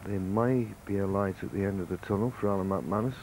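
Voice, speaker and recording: A man giving live snooker commentary in a measured, understated way, with pauses between short remarks. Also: low-pitched, darkish tone, a little hiss or hum, poor audio.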